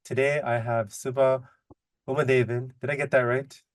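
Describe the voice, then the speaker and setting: A man's voice: mid-range voice, flat delivery, moderate pace, dry recording. Guy hosting a podcast, laid back, mid voice, dry close sound. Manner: easygoing, says "like" and "kind of" a lot. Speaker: podcast host. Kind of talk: casual interview talk.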